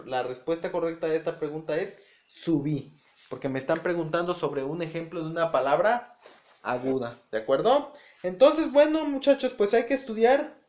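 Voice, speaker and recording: A man's voice: high voice, a little mellow. A man teaching an exam-prep lesson in a chatty way, repeating words and checking in with "ok?". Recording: echoey room, dull lo-fi sound.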